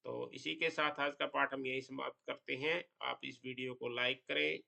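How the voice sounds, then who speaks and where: A man teaching a Sanskrit pronunciation lesson, explaining slowly and deliberately and drawing out example sounds. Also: medium pitch, fairly even intonation, creaky, sharp tone.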